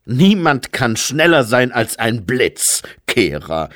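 A man reading aloud and voicing an eager young apprentice monk in a raised, quick voice. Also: mid-range voice, big pitch swings, fairly bright tone, no room sound, studio quality.

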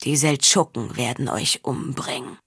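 A woman's voice: rumbling low, measured pace, a bit bright, husky, no room sound, pitched below the performer's own voice, full character voice. A woman voicing a frail, weeping old count with a broken, trembling voice, in a dry recording. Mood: despairing.

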